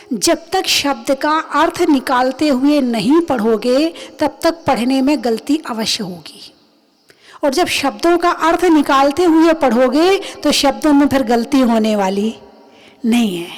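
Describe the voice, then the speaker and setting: A woman's voice: high voice, darkish tone. A woman, a Jain nun, giving a sermon, speaking emphatically and asking and answering her own questions. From India. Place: recorded during a religious discourse.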